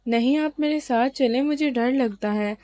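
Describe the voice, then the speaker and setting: A woman's voice: high voice, warm tone, natural voice. A woman reading as a frightened young wife who pleads and panics. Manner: fearful, pleading.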